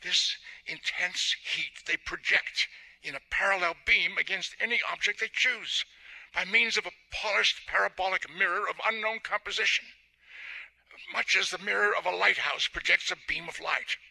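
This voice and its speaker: An actor playing a solemn scientist in a 1930s radio drama, pedantic and deliberate, with a raspy voice. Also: male voice, sits high, sharp tone, heavily acted, low-quality recording. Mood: solemn, pondering.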